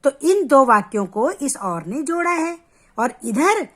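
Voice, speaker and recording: A woman teaching children a grammar lesson, explaining slowly and stretching out sounds to show how they are spoken. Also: high-pitched, sing-song, fairly bright tone.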